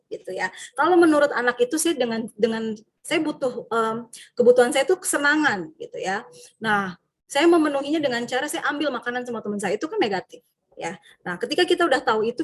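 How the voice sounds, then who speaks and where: Husky-voiced woman teacher. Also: on the high side. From Indonesia. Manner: lively, acts out student and teacher voices; frequent tag questions. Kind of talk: workshop talk to fellow teachers.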